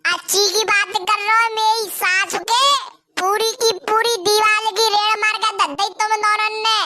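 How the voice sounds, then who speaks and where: A voice artist playing a quick-tempered rustic village aunt in a cartoon, scolding shrilly. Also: very high voice, level tone, bright, forceful tone, exaggerated voice. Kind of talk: cartoon voice acting.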